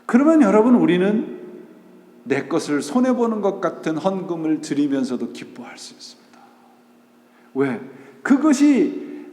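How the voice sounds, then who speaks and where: A man's voice: sits high, warm tone. A male pastor preaching a Sunday sermon, asking rhetorical questions and answering them himself, and mixing English words into his talk. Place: church sanctuary. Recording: echoey church hall.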